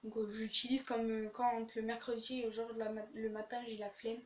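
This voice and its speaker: A woman's voice: a little high, level tone, normal speed. A young woman reviewing her used-up beauty products in casual chat, tired after a day of classes and stumbling over her words, filmed in her bedroom by an open window. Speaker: beauty vlogger. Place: bedroom facing an open window, street traffic outside. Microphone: handheld camera without tripod.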